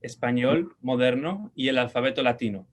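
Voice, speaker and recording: Spanish-man teaching a language lesson. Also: mid-range voice. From Spain. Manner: patient, repeats words slowly for pronunciation; checks in with short questions.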